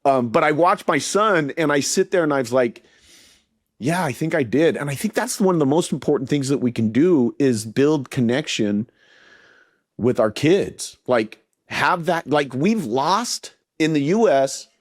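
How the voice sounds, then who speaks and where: A man's voice: a little high, animated, a little slow. A man in his fifties, a podcast guest talking in a casual interview, earnest and heartfelt, often repeating words as he restarts a thought. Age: 50s.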